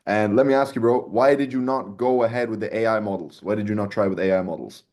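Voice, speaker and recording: Male host, lowish voice, casual slangy interview talk. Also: fast, a little mellow. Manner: casual, slangy, says boys and lads.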